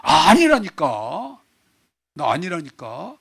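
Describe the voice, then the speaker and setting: A man's voice: a little high, wildly swooping pitch, slow, a bit bright, breathy edge, exaggerated voice. A preacher acting out a brash fisherman disciple. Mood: denying. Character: impulsive male fisherman disciple, adult.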